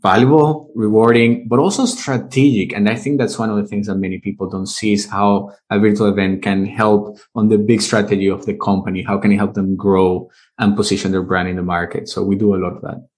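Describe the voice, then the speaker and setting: A man from Venezuela in his thirties, a business owner telling his career story in a casual interview, animated as he tells it. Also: on the low side, a little fast, hardly any pauses. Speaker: guest, live streaming business owner.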